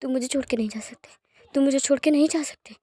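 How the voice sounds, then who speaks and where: A woman's voice: sits high, fast, warm tone, no echo, natural voice. A woman voicing a grieving young man who pleads and sobs through broken repetitions. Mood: whimpering. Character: grieving young man crying for his partner.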